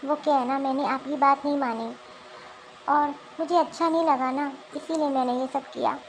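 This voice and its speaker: A woman's voice: high voice, fairly even intonation, normal speed, a little hiss or hum, lightly acted, rough recording. A woman voicing a sweet young daughter-in-law. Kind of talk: animated cartoon voice acting.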